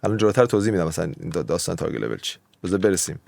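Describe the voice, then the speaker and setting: A low, gravelly, somewhat dark male voice comes through with no echo, very animated. He's a music producer explaining audio mixing in a relaxed, talkative way, often straying off topic before waving the digressions away.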